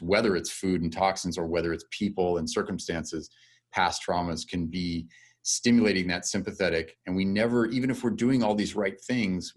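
Low-voiced male interviewer. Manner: thoughtful, explanatory, halting restarts. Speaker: interviewer, film host. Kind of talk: conversational interview.

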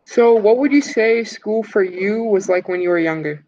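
A student interviewer asks prepared questions in a polite, careful way. The voice sits at a middle pitch, and the audio is slightly muffled. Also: moderate pace, a little mellow.

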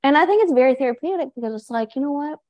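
A woman's voice: high-pitched, expressive, very fast, darkish tone. A woman co-hosting a casual podcast, chatting and reading listener stories aloud with her own asides. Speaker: podcast co-host.

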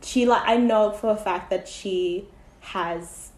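A woman's voice: mid-range voice, slow, a little mellow. Chatty young woman telling a story. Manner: chatty storyteller, many "like" fillers. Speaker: podcast host. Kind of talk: casual podcast chat. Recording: roomy echo.

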